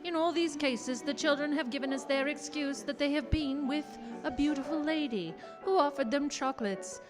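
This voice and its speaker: A woman playing the reader of a lurid newspaper report, formal and measured, in a gothic radio drama. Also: high-pitched, over music, lightly acted. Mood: formal, ominous. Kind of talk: formal scripted news reading in radio drama.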